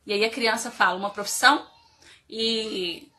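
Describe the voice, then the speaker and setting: This speaker, stuffed up with a cold, gives a casual motivational talk about life stages and keeps asking the audience rhetorical questions. Her nasal voice is on the high side, steady in tone and moderate in pace, pushed and bright.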